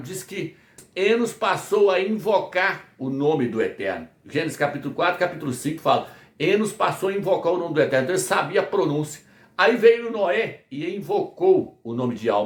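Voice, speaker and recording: A fairly high-voiced man from Brazil preaches a Bible study in an echoey room. He drives his points home by firing questions and answering them himself, over and over. His teaching is emphatic and repetitive. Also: lively intonation, fairly quick. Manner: repetitive call-and-response questioning.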